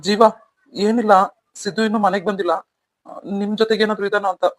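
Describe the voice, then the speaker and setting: [name], voice actor doing a calm young husband. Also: medium pitch, a little fast, dry recording, natural voice. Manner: calm and reasoning. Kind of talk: cartoon story voice acting.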